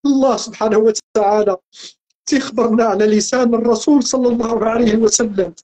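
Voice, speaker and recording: A man's voice: extremely high pitch, fairly even intonation, fairly quick, a little mellow. A man with a Moroccan accent giving a spiritual teaching talk as a religious guest, earnest and emphatic, repeating phrases as he builds each point. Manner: earnest, repetitive, preaching emphasis.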